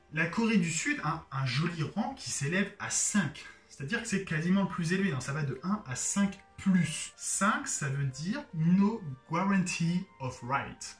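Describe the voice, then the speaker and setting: A man's voice: on the high side, a bit bright. Casual French man, roomy distant sound. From France. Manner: slangy, joking, full of fillers. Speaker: YouTuber explaining Korean society. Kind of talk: casual explainer vlog.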